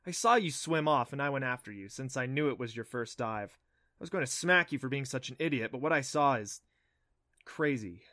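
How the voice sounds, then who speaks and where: A man's voice: mid-range voice, expressive, a little fast, sharp tone, dry recording, clean studio sound. A man reading a story, voicing a smug, teasing teenage girl with a self-assured, taunting manner. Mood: excited.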